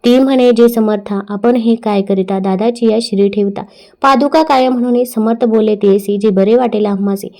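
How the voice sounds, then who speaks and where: A woman reads devotional scripture aloud in a steady, recited verse cadence. Her voice sits fairly high but sounds mellow and warm. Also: moderate pace. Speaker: scripture reader.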